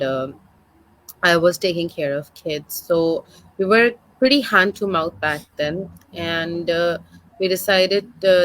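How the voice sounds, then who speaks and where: With a low, fairly bright voice, this Pakistani woman in her thirties is heard on a rough recording with a little hiss or hum. She's a digital business mentor guesting on an online video call interview, sharing her personal story warmly and fluently, peppered with uhs.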